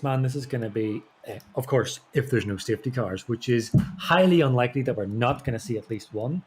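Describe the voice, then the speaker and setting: A man's voice: mid-range voice, a little mellow, husky. A man co-commentating a sim race, chatty and rambling through anecdotes with lots of fillers.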